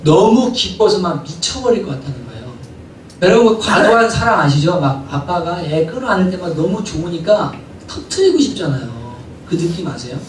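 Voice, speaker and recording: A male pastor preaching a sermon in a church, animated and often asking the congregation questions. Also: sits high, normal speed, a little hiss or hum. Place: church sanctuary. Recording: echoey hall from a distant mic.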